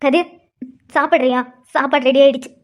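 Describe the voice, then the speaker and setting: A woman's voice: high-pitched, steady tone, fairly quick, lightly acted. A woman voicing an affectionate elder sister who deflects and hesitates when questioned, in a cartoon. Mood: evasive. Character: tender, evasive elder sister. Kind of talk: cartoon voice acting.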